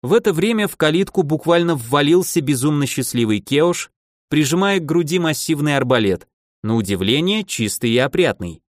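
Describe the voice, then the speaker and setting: A man reading a fantasy novel aloud as audiobook narrator, lively and voicing the characters himself. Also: a little high, normal speed, dry recording, clean studio sound. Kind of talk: scripted narration.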